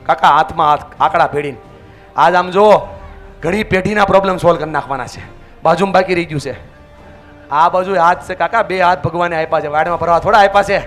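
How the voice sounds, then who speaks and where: An energetic man speaks from the stage of a large event hall, his voice sitting fairly high as he rallies a live audience. He keeps calling out questions for the crowd to answer and leads them in loud chants. Faint music plays softly behind him. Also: quick pace. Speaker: motivational speaker. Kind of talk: motivational speech to a live audience.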